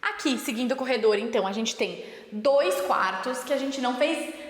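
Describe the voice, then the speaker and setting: A woman's voice: high voice, expressive, normal speed. A chatty woman hosting a home tour, talking to viewers in bare, echoing empty rooms. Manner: chatty, upbeat, addresses viewers directly. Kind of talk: casual home tour chat. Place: echoey empty bathroom and bare rooms, cave-like echo.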